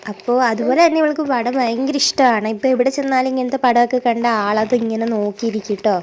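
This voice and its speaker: A woman's voice: on the high side, fairly even intonation, quick pace, a little hiss or hum. A mother narrating a family vlog in a chatty way, explaining step by step and correcting herself as she goes. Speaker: vlogger and mother.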